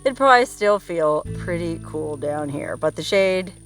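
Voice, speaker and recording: A woman's voice: fairly low pitch, lively intonation, moderate pace, faint music behind. A woman travel vlogger talking outdoors in a desert canyon, in a casual, playful and jokey way. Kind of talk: casual vlog narration.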